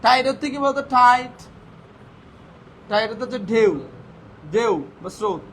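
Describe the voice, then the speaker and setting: A man's voice: extremely high pitch, normal speed, fairly bright tone, rough recording. A male teacher giving a classroom vocabulary lesson, firing questions at his students and answering them himself. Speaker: English teacher. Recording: faint background noise.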